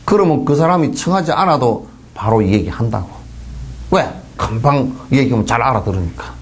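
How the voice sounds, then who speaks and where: A man with a Gyeongsang Korean accent speaks at a mid-range pitch and normal speed. He is a Buddhist monk giving a folksy dharma lecture in a temple hall, full of rhetorical questions and mimicked flattery.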